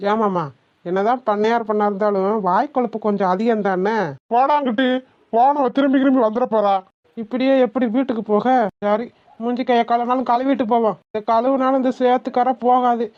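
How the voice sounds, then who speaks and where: A woman's voice: a little high, fairly even intonation, fairly quick, lo-fi sound, lightly acted. A woman voicing a cocky young village man in a cartoon, taunting and sulky. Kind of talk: cartoon voice acting.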